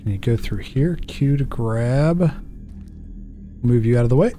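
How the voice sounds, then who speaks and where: A gaming YouTuber in his thirties gives casual let's play commentary from an indoor home setup, thinking aloud and asking himself questions. His voice is medium-pitched, dark and unhurried, with soft background music.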